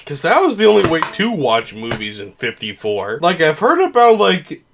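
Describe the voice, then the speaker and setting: A man's voice: sits high, a bit bright. A man doing casual, profane comedic film commentary as a reviewer, blunt and given to mock outrage. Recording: clearly noisy background with clicks.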